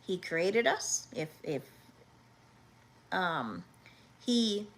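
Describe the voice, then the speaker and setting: A woman in her fifties hosting a livestream, talking earnestly and haltingly, with many restarts, as she answers viewers' comments. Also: lowish voice, sing-song. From Canada. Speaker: livestream host.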